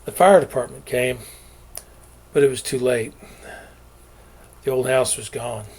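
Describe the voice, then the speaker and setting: A man's voice: medium pitch, measured pace, vocal fry, darkish tone, husky. A middle-aged man, reading his own novel aloud and telling its backstory in a folksy way. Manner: folksy storytelling with homespun sayings. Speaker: author.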